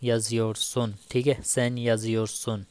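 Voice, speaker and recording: A male teacher talks through a casual grammar lesson at an unhurried, deliberate pace. His voice is smooth and resonant. He repeats each example patiently, and the recording is dry and close. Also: mid-range voice, little pitch movement, darkish tone, dry recording. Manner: slow, repeats each example with frequent "theek hai". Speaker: Turkish language teacher.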